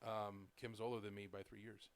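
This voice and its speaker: This late-thirties male podcast host rambles through stories in casual chat, peppering them with "like" and "dude." His voice is on the low side with little pitch movement, at a normal speed and with no room sound.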